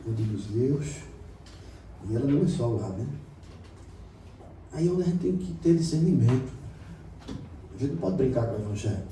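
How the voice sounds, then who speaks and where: A man, a pastor preaching with passion, moving from quiet storytelling to loud exclamations. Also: mid-range voice, expressive, moderate pace, pauses often, slight background noise. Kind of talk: sermon. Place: church meeting room. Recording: roomy hall recorded from a distance.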